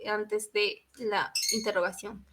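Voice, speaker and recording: A woman's voice: medium pitch, level tone, slow, fairly bright tone. A young woman from Peru, a university student giving a class presentation in an explanatory way, often adding a short tag question.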